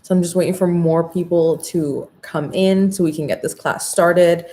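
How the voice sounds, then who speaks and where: An American woman from Orlando, Florida, talking with new braces as she hosts a casual live makeup class, upbeat, excited and slangy in chatting with viewers. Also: on the low side, normal speed, a little hiss or hum. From Orlando, Florida, USA. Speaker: makeup workshop host.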